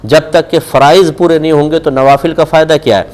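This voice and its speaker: On live TV, a man with a Pakistani Urdu accent addresses religious questions firmly and admonishingly, asking rhetorical questions as he goes. His voice is fairly high-pitched and a little mellow, with fairly even intonation.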